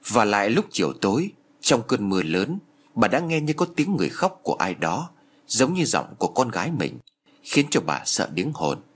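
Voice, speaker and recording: Husky, expressive storyteller. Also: male voice, on the low side, normal speed. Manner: expressive, suspenseful narration. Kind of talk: dramatic story narration.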